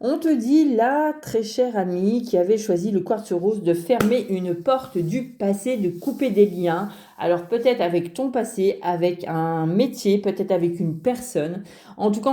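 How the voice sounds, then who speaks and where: A woman giving a casual card reading to her viewers, talking straight to them with many pauses and restarts. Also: mid-range voice, mellow. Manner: hesitant, many fillers and restarts, addresses viewer directly. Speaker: card reader. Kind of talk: casual spoken tarot reading.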